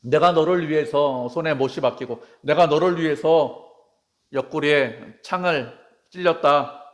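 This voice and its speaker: A pastor quoting Jesus, slow and gentle. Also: male voice, on the high side, natural voice. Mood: gentle coaxing. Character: Jesus, gentle man coaxing a doubting disciple. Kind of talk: sermon.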